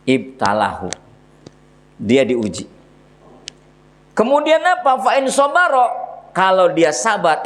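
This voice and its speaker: A man giving a lively religious sermon, telling jokes and stories and speaking directly to the congregation. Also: medium pitch. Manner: animated storytelling, addresses listeners directly. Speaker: Islamic religious teacher.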